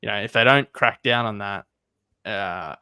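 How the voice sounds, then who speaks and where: A man's voice: on the low side, moderate pace, sharp tone, clear, resonant tone, no echo. A man co-hosting a casual podcast, telling stories and acting out what people said. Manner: storytelling, acts out quotes. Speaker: podcast co-host.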